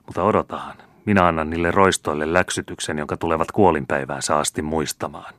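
A man voicing a gruff, harsh middle-aged bailiff who barks orders in a storybook reading. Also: very deep voice, steady tone, a bit bright, no echo, studio quality. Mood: grim. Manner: barking orders, scornful.

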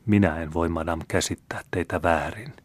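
A man reading as a calm dignified countess. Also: low-pitched, breathy edge, no room sound. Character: dignified older countess, calm noble mother.

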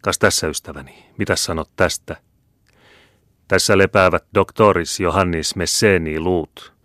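A man's voice: low-pitched, fairly even intonation, a bit bright, no echo, clean studio sound. A man reading the part of an aging, proud and irritable imprisoned scholar with grandiose outbursts. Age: older.

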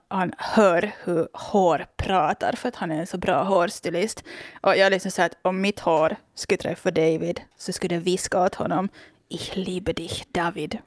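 A woman with a Finland Swedish accent chats on a podcast, gushing about things she loves and restarting her sentences again and again. Her voice sits at a middle pitch, and the recording is dry and close with no room sound. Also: no echo. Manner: gushing, enthusiastic, many restarts. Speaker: podcast host. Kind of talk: casual chat.

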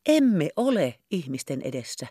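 A woman's voice: sits low, sing-song, mellow, husky, no room sound, studio quality, heavily acted. Brief: coy pious seamstress, teasing and tart, read by a woman narrator.

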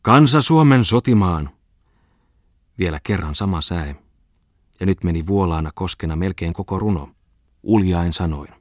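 Deep-voiced man reading an audiobook. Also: a little mellow, dry recording, clean studio sound. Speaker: audiobook reader. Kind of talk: scripted audiobook narration.

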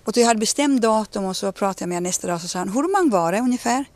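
A woman in her fifties recounts episodes from her own life in an easy conversational way. She slips into the voices of the people she quotes and keeps her telling animated. Her voice sits at an ordinary middle pitch for a woman. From Ostrobothnia, Finland. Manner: animated, acts out quoted dialogue. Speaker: interviewee. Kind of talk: personal storytelling in a radio conversation.

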